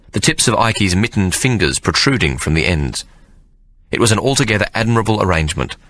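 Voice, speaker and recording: Deep-voiced male audiobook narrator. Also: a bit bright. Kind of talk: scripted narration.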